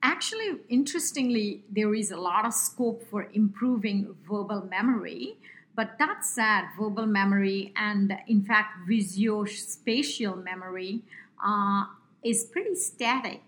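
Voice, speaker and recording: A woman speaking with an Indian accent, taking her time as she explains things as the guest expert in an interview. She fills pauses with many "um"s and "you know"s and restarts her sentences, in a mid-pitched, even voice.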